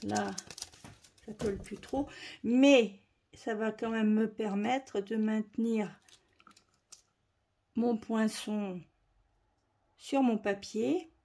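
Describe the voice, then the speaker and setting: A woman's voice: a little high, steady tone, drawn-out words, pauses often, mellow. Chatty woman demonstrating crafts. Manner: chatty, explaining while working. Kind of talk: crafting tutorial.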